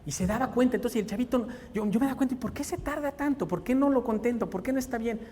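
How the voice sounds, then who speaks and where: A man's voice: very high-pitched, fast, warm tone. A middle-aged man with a Mexican accent giving a church talk on parenting, telling family stories and firing rhetorical questions at his listeners. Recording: long hall reverb, faint background noise.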